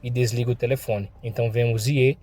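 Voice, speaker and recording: A Brazilian man narrating a comic recap in a storytelling way, jumping up in pitch and force when he voices the thugs' lines. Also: fairly even intonation, brisk, warm tone. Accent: Brazilian Portuguese. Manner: voices thug dialogue with rising pitch and force.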